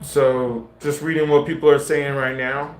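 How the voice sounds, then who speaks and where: A man's voice: a little high, level tone, measured pace. A man live-streaming casual commentary, talking in slang straight to his viewers. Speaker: livestreamer. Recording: roomy echo with faint music.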